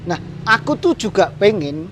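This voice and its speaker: With a high voice at a moderate pace and slight background noise, a Central Javanese puppeteer chats casually as an interview guest. His Javanese accent comes through as he easily mixes Javanese and Indonesian, chuckling often.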